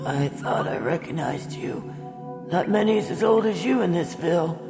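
An actress playing a desperate, bitter elderly woman captive in a dramatized audiobook, halting and rough-spoken. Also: lowish voice, animated. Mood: urgent, halting. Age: older. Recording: long reverb, music underneath.

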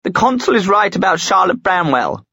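A man's voice: high-pitched, very animated, moderate pace, bright, forceful tone, breathy edge, dry recording, studio quality, voice pushed up, heavily acted. A man voicing a defiant, bitter young widow who exclaims angrily, in an audiobook. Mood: outraged.

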